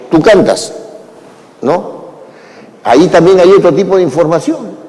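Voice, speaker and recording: A man giving a classroom lecture, explaining at an unhurried pace and often closing his phrases with a questioning tag and fillers. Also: medium pitch, dark tone. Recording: long hall reverb.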